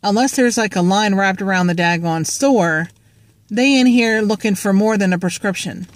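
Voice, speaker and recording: This casual vlog features a woman with a mid-range voice and moderate pace, recorded dry. She rambles and jokes with lots of fillers while talking to her phone at arm's length in a parked car.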